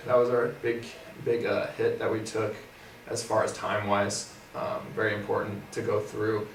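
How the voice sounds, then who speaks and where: A young man speaks in a mid-range voice, relaxed and casual, his phrase ends softening as he trails off. He is heard from some distance in an echoey room with faint background noise. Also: medium pitch. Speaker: co-host, physical therapy student. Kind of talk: casual study recap. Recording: roomy, far from the mic, faint noise.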